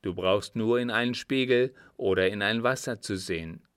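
A man voicing a cold, guarded older desert sheik in an audiobook reading, with a measured, cool delivery. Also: on the low side, a bit bright, clear, resonant tone, dry recording, clean studio sound, close to an everyday voice.

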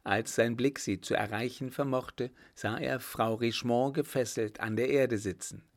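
A man reading a classic adventure novel aloud as an audiobook narrator, in a steady, measured storytelling manner. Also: medium pitch.

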